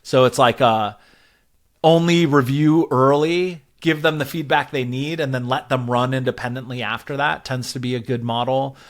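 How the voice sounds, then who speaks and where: An interview guest with a product and growth background explains his work ideas conversationally, repeatedly asking "right?". His medium-pitched voice moves at a moderate pace with fairly even intonation.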